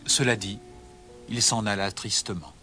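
A man narrating a children's storybook in a dramatic, expressive way. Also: lowish voice, moderate pace. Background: music.

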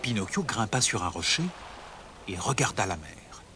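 A man narrating a children's storybook in a dramatic, expressive way. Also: on the low side, moderate pace, a little hiss or hum. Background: music.

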